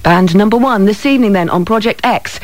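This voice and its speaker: A woman's voice: mid-range voice, brisk, no room sound. A British woman hosting a music radio show as DJ, informal and chatty, often checking in with short tag questions, on a close studio microphone.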